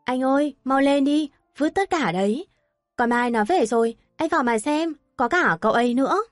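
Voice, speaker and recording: A flustered, excitable country mother in an audio story, voiced by a woman narrator. She speaks in a hurried, fussy rush with a high voice. The sound is dry and close. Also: dry recording. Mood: calling.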